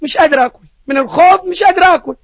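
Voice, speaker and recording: A man's voice: very high-pitched, very fast, dry recording, dull audio. A preacher doing a scared Egyptian boy. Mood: fearful. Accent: Egyptian Arabic. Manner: tearful, fearful pleading. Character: frightened young firstborn boy, anxious.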